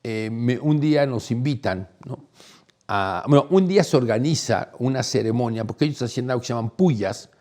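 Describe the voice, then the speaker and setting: A middle-aged man, hosting and telling a personal story in a casual, animated way. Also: medium pitch, moderate pace. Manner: animated, acts out quoted voices, laughs while telling. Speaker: host, storyteller.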